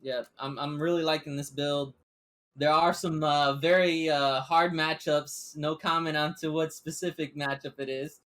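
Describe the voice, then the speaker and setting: A man's voice: on the high side, fairly even intonation, measured pace, fairly bright tone. A man talking casually as a card game player, easygoing with many fillers. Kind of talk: casual podcast chat.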